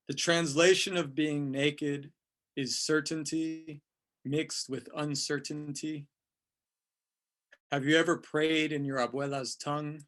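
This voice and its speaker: Man, thirties, from California, slightly high pitch, casual talk and measured poetry reading. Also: fairly bright tone. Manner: slow, deliberate reading of verse. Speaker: poet, featured writer.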